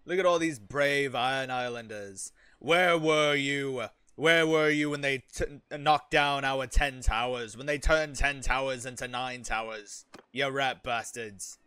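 A man's voice: medium pitch, slow pace, sharp tone, smooth, dry recording. A man voicing a brash, foul-mouthed raider captain rallying his men in a video game role-play, rowdy and swaggering. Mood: defiant.

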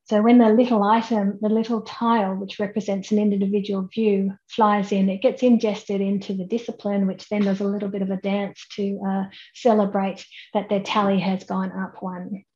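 Woman, thirties, steady explanatory presenter, relaxed voice, lo-fi webcam capture. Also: mid-range voice. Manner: measured, explanatory, with frequent "um"s. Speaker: keynote speaker. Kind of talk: online conference presentation. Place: indoors at home, plain wall behind. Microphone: webcam at desk, head and shoulders framing.

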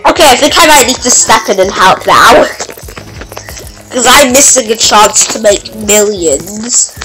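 A woman's voice: a little high, lively intonation, a little slow, over music, poor audio. A woman casually commenting on a game she is playing, chatty and exclaiming, humming along at times. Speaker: gaming vlogger.

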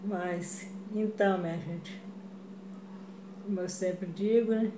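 A woman's voice: medium pitch, fairly even intonation, slow, noisy background. A middle-aged woman from Brazil talking casually while she makes fabric flowers in her home kitchen. She speaks to her viewers in a chatty way and keeps adding little check-ins as she goes. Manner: chatty, addresses viewers as "gente", frequent "né?" and "tá?". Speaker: craft vlogger. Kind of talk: casual craft tutorial chat. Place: home kitchen, indoors, tiled walls. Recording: echoey tiled kitchen.

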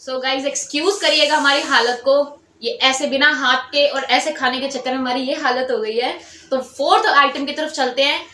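A woman's voice: high-pitched, steady tone, normal speed, pushed and bright, roomy sound. A woman co-hosting a casual food challenge vlog, playfully accusing her partner of cheating and laughing a lot. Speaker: co-host.

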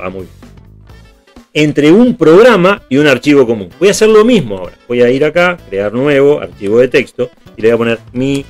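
A man teaching programming step by step in a screen tutorial, often checking that viewers follow. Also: mid-range voice. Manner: patient, step by step, checks in with "¿está bien?".

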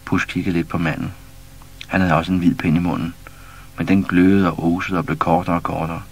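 A man reading a children's storybook aloud to a young listener, steady and storyteller-like. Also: low-pitched, breathy edge. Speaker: audiobook reader.

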